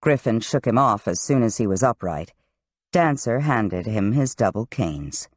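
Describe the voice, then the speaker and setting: An audiobook narrator reading a fantasy novel with expressive, varied delivery. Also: mid-range voice, measured pace, no room sound, studio quality.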